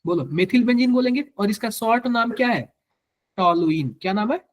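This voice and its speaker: A man's voice: sits high, lively intonation, brisk. A man with a Hindi accent teaching chemistry to a live class, quizzing students and repeating each answer to drill it in.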